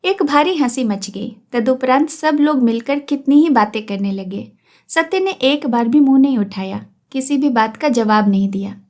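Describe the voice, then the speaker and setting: High-voiced woman narrating a story. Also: lively intonation, darkish tone. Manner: measured, literary narration. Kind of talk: reading a classic story aloud.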